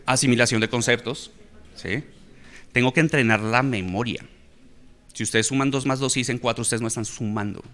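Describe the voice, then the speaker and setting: A man's voice: medium pitch, a little fast, pauses often, sharp tone. Guy explaining how kids learn, chatty, keeps checking "¿sí?" w the audience. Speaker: guest speaker on education. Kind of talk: conversational talk.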